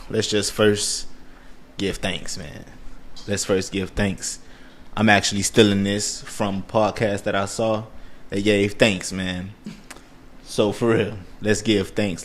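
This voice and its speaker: A man from Miami, chatting on a podcast in a rambling, animated way. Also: fairly low pitch. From Miami, Florida. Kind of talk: casual podcast chat.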